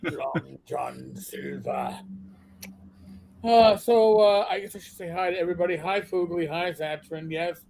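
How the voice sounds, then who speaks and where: A man from New York hosting a casual livestream chat, slow and hesitant, with a joking manner. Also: high-pitched, fairly even intonation, darkish tone, slight background noise. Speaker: show host.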